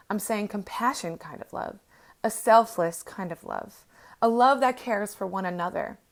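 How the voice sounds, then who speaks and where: Young woman host, earnest, gentle, emotional motivational monologue with ums and restarts, close to tears. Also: mid-range voice.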